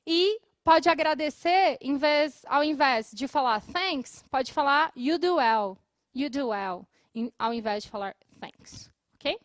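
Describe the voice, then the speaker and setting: High-voiced Brazilian woman teaching English. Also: no echo, studio quality. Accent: Brazilian Portuguese. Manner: explanatory, repeats English phrases slowly for students; laughs often between phrases. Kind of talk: televised classroom lesson. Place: studio.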